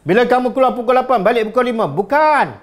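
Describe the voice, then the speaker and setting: Animated Malaysian Malay preacher. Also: male voice, extremely high pitch, quick pace. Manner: animated, rhetorical questions to the audience. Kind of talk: religious lecture.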